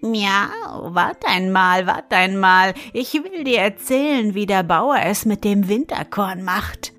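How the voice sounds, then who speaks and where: A woman's voice: mid-range voice, animated, takes it slowly, a bit bright, soft background music. Woman voicing a sly meowing storybook cat. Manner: starts lines with a meow. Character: clever scheming female cat, meowing.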